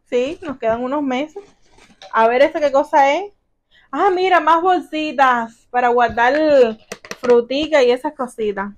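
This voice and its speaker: A woman's voice: sits high, unhurried. A young Cuban woman with a Cuban accent vlogging at home as she unboxes gifts, gushing and exclaiming as she keeps calling her viewers family. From Cuba. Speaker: vlogger, mother. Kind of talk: casual unboxing vlog.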